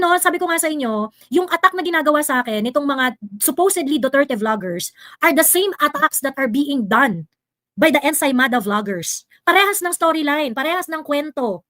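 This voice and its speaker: A woman's voice: high-pitched, fairly bright tone, no room sound. A woman hosting a livestream, confronting a commenter with sarcastic, heated commentary and switching between Tagalog and English. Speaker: livestream vlogger host.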